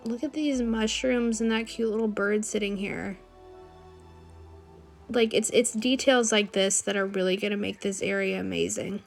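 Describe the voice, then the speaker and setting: Hoarse, creaky woman with a cold. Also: medium pitch. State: hoarse with a bad cold and sore throat. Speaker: gaming video creator. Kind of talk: casual gameplay commentary. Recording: music behind the voice.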